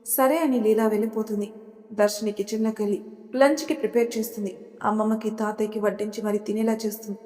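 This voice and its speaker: A woman's voice: mid-range voice, steady tone, quick pace, a little mellow. Woman narrating an audio story. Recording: long hall reverb.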